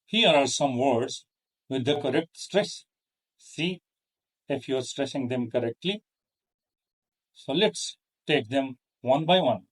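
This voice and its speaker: A man hosting an English pronunciation lesson, speaking in a careful, measured way with pauses between phrases. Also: medium pitch, far from the mic. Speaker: host, English teacher. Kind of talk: slow deliberate lesson.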